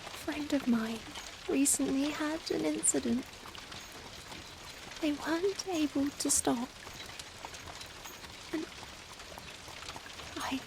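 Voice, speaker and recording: In a softly spoken ASMR roleplay, a woman plays a young Victorian vampire with a high, soft voice that moves very slowly through formal, hesitant, pleading phrases. The grave, tender character is anguished, emotional and full of self-reproach. Steady rain falls on a surface in the background.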